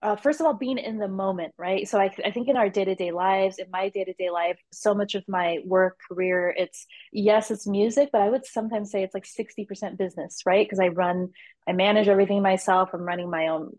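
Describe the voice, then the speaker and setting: A young adult woman, a cellist, talking in a casual interview with a rambling, animated manner, frequent fillers and laughter. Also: medium pitch, fairly quick, no room sound.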